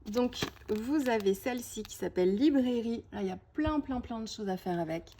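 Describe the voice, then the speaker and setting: A woman's voice: on the high side, animated, moderate pace, dark tone, a little hiss or hum. Chatty woman showing crafts. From France. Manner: chatty, with many small "hop" and "voilà" asides. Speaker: scrapbooking video host. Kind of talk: casual product show-and-tell.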